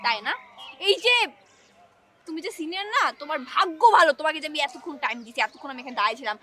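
A woman's voice: sits high, expressive, very fast, recorded from a distance, heavy background noise. A woman performing in a scripted comedy skit, talking in an indignant, scolding way.

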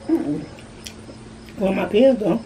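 A woman's voice: medium pitch, lively intonation, takes it slowly, low-quality recording. A woman chatting and giggling between bites in a casual mukbang video, with her mouth full of pizza. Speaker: vlogger co-host. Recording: loud outdoor traffic noise.

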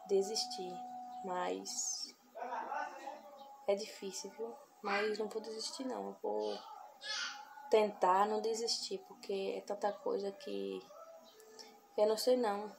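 A young woman vlogging from a couch at home, speaking softly, pausing often and repeating herself as she talks to her viewers. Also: medium pitch, flat delivery, vocal fry, over music. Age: young adult. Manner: soft-spoken, repeats herself, pauses to collect thoughts. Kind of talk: casual heartfelt vlog talk. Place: small home room, on a couch. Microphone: phone camera at arm's length. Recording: noisy home phone recording.

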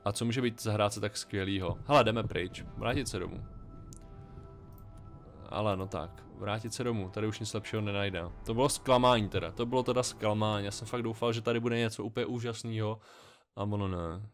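A man's voice: fairly low pitch, steady tone, soft background music. A man casually commenting on a game he plays, thinking aloud in a chatty, wry way. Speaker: let's play gamer.

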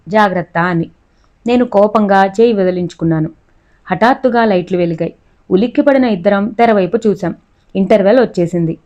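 A woman's voice: medium pitch, a little mellow. Woman reading a novel, dull lo-fi sound. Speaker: audiobook reader.

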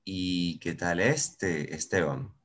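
A man's voice: deep voice, drawn-out words, fairly bright tone, slight background noise. A man with a Venezuelan accent teaching English in an online class, switching between Spanish and English, patient and encouraging.

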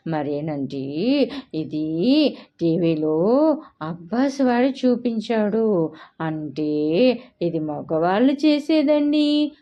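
A woman's voice: sing-song, measured pace, mellow. A woman narrator voicing a naive young village wife who speaks innocently and pleadingly, in a storybook reading. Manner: innocent, plaintive, high-pitched pleading. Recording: dull lo-fi recording.

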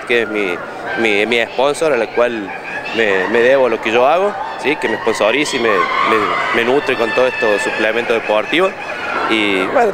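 Interviewed at his stand in an indoor expo hall, an Argentine gym owner in his thirties speaks into a handheld reporter mic at medium pitch. His Argentine Spanish accent comes through as he repeats words and restarts often, amid heavy background noise.

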